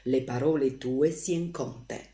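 A woman reading the lines of a calm, firm male guide giving steady commands. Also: extremely low pitch, takes it slowly, reverberant. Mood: urging.

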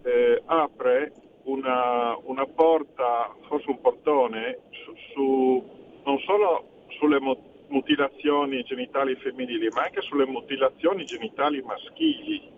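Man, radio show caller, phone line, thin tinny sound, polite, hesitant, fills pauses. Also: medium pitch, lively intonation, a little hiss or hum. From northeastern Italy. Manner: hesitant, polite, searching for words with many fillers. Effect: heard over a phone line on a radio show. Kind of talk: phone-in call to a talk show.

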